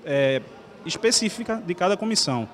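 A young man with a Brazilian Portuguese accent, a legal adviser answering in a TV interview. He speaks formally with filler pauses, into a handheld mic in an indoor hallway. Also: high voice, expressive, fairly bright tone. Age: young adult. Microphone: handheld TV mic held close.

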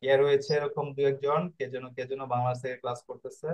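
A man's voice: medium pitch, flat delivery, fast. A man teaching Italian pronunciation in an online class. He explains in a repetitive way and keeps checking with his students.

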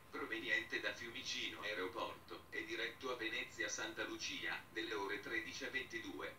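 A man delivers flat, formal station announcements in measured segments. His fairly low voice comes from a distance with a roomy echo, over audible background noise. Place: public address in a railway station, station ambience behind.

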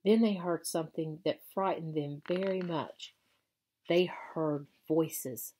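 A woman teacher reads a children's novel aloud to her class, using a measured and expressive storytelling voice. Her pitch is low, and there's slight background noise.

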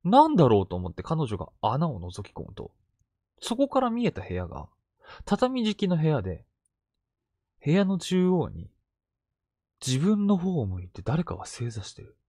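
A man retelling collected true ghost stories in a hushed, suspenseful storytelling manner with sudden vivid turns. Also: fairly high pitch, huge pitch swings, moderate pace, pauses often, dry recording.

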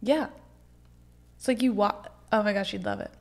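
A young woman co-hosts a relaxed podcast conversation. She tells stories in a playful, animated way and laughs easily while bantering with her co-host. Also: mid-range voice, moderate pace. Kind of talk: casual chat.

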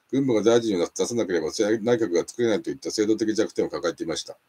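A man reading a nonfiction history book aloud in a steady, measured way, now and then stumbling and restarting a word. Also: fairly low pitch.

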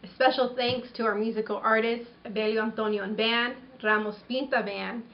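A woman in her twenties from Mexico gives a plain, steady statement to camera indoors. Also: a little high, brisk, muffled recording. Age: 20s. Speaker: activist giving a statement. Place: indoors before a curtain.

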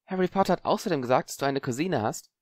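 A man's voice: fairly high pitch, expressive, quick pace, dry recording, clean studio sound, voice pushed up. A man voicing a smug, scheming young schoolboy in an audiobook, with a superior manner. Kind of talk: audiobook character voice.

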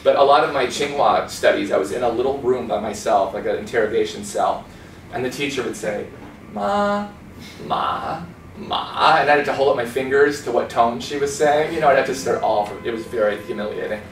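A man in his forties speaks fairly quickly at a medium pitch, giving a relaxed, chatty slide talk in a small conference room. He tells stories with plenty of gestures and mimicked accents and voices, and the far camera records roomy sound with a bit of hiss or hum.

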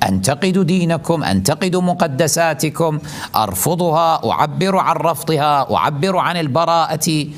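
A male cleric giving a forceful religious lecture, asking rhetorical questions and repeating his points for emphasis. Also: on the high side. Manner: rhetorical questions, mimics opponents in a raised voice.

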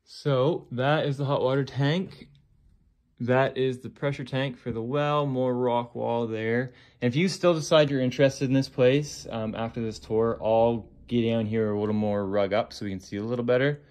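A man's voice: medium pitch, normal speed. Casual man touring a cramped basement. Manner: relaxed, plain-spoken, thinking aloud with fillers. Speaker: real estate agent. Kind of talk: casual property walk-through. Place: cramped old stone basement. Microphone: phone camera held by the speaker, moving.

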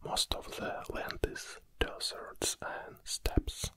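Headphones on and seated at a stand-mounted condenser mic in his small home studio, an ASMR host in his forties whispers softly and slowly into it. He comes from Kazakhstan, carries a Russian accent, and pauses with small hesitations.

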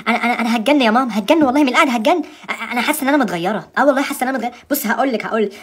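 A man's voice: very high-pitched, rapid-fire, slightly rough. A performer voicing an exasperated young daughter with an Egyptian accent, whining at her mother in a comic sketch. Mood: complaining. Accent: Egyptian Arabic. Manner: whiny, exasperated.

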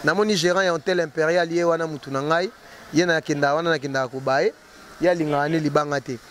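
A man's voice: fairly high pitch, fairly even intonation, quick pace, a bit bright, a little hiss or hum. A man being interviewed, a musician talking in a casual, emphatic way, often repeating his words. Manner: emphatic, repeats words and restarts while arguing.

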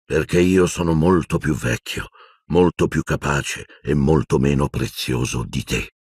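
A man voicing an old male wizard headmaster in an audiobook, speaking slowly and solemnly, wailing and pleading when afraid. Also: very deep voice, a little mellow, husky, dry recording, studio quality, heavily acted. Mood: grave, commanding. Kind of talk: audiobook character voice.

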